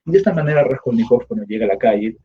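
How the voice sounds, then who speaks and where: A man in the middle of a lecture, retelling a novel as if he were staging it, with sound effects, bursts of character voices and a constant "¿no?" to his students. His voice sits at an ordinary male pitch. The recording is a little dull, with a faint hiss underneath. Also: expressive, very fast. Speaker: literature teacher. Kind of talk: animated storytelling lecture. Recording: slightly dull, faint background noise.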